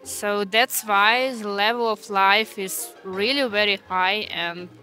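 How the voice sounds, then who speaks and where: A woman's voice: mid-range voice, steady tone, slow pace, pushed and bright, soft background music. A woman answering a street interview, hedging her opinion with careful phrasing.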